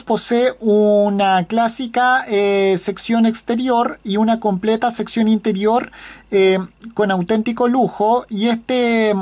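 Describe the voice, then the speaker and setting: A man who talks through a car news article on his screen in a casual, halting way, full of fillers and self-corrections. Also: sits high. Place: indoors at a computer screen.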